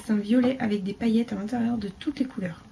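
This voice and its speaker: Chatty woman doing a makeup haul, a bit high voiced, trails off into mumbly asides, faint hiss behind. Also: fast talker, creaky, mellow. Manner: chatty, rambling with many fillers and trailing off into low asides. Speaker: beauty vlogger. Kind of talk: casual haul video.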